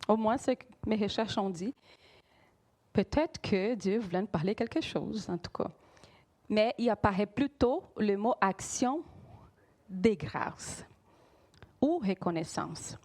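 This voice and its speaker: Prédicatrice brésilienne au ton engageant, voix de hauteur moyenne, sermon interactif. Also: female voice, medium pitch, lively intonation, slow, long pauses, a little mellow. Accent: Brazilian. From Brazil. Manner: engaging, quizzes the congregation, repeats key words. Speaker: preacher.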